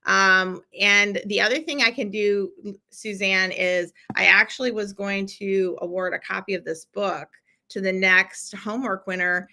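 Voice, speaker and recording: A middle-aged woman, a podcast host running a live challenge, streams from a computer and talks directly to viewers in a chatty, encouraging way. Her mid-pitched voice is bright, a little tense and fairly even in intonation. She reads comments while filling pauses with ums and restarts.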